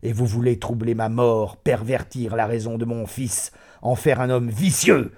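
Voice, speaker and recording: A man reading an audiobook, voicing a dying, bitter old nobleman with a raspy voice who speaks slowly and coldly. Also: mid-range voice, steady tone, a little mellow. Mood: harsh. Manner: cold, slow, icily accusing.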